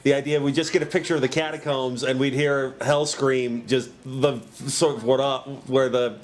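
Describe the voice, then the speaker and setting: A man's voice: medium pitch, flat delivery, normal speed. A man co-hosting a casual video commentary, laid-back and self-deprecating, chuckling often.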